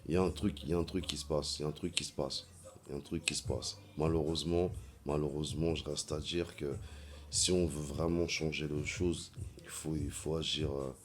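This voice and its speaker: Very deep-voiced halting male vlogger. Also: steady tone. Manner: halting, many fillers and repeated words. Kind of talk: casual monologue.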